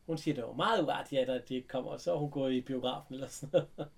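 Guy recapping a show casually, gravelly, acts out the lines. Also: mid-range voice. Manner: animated retelling, acting out characters' lines. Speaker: recapping a TV episode. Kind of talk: casual chat.

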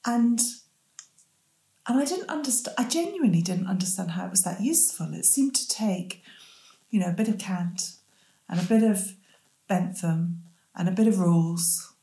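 A woman with a mellow voice gives reflective, self-deprecating answers in an interview. Her Rs come out close to Ws. She talks thoughtfully, and the room adds noticeable echo. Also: mid-range voice, animated, normal speed, pauses often. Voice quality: says w for r, cannot pronounce R clearly. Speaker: interview guest, medical ethicist.

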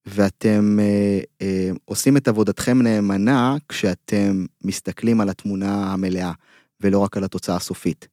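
A middle-aged man with an Israeli accent, a mental coach giving earnest, emphatic motivational talk in an interview, pausing mid-phrase. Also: fairly low pitch, fairly even intonation, mellow, no room sound, studio quality. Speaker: mental coach, podcast guest.

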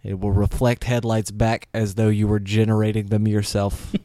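Dry-witted man, smooth voice. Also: on the low side, level tone, moderate pace, warm tone, no room sound. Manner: dry, wry humor. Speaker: podcast co-host. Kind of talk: casual chat.

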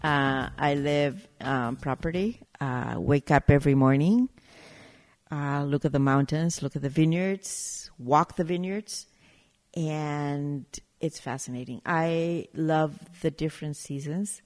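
A woman's voice: deep voice, takes it slowly, darkish tone, soft background music. A woman from Chile, a winery owner chatting as an interview guest, telling stories and searching for words as she goes. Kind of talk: casual interview chat.

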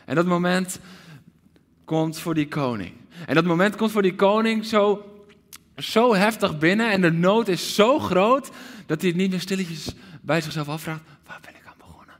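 A man preaching a livestreamed sermon, emphatic, swinging from loud exclamations to hushed asides. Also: high voice, a little slow, big-room sound.

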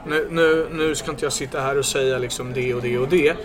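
A man's voice: mid-range voice, fairly even intonation, a crowd in the background. A man co-hosting a sports podcast, speaking hesitantly with many restarts and repeated words. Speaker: podcast co-host. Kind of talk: casual podcast interview.

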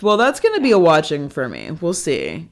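An American co-host of a TV discussion show chats unscripted about television in a mid-range voice whose pitch swoops wildly, at a moderate pace. She hesitates and rambles, dropping "like" constantly.

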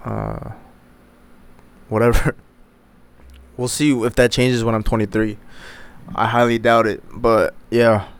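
A man's voice: medium pitch, level tone, slow, pauses often, smooth. A man in his twenties hosting a podcast alone, rambling casually with heavy swearing and lots of fillers. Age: 20s. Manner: rambling, profane, many fillers. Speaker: podcast host. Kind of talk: casual solo chat.

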